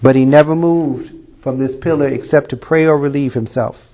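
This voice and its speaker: Animated man retelling a sermon story. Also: mid-range voice, moderate pace. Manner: animated retelling, reverent honorifics. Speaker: preacher.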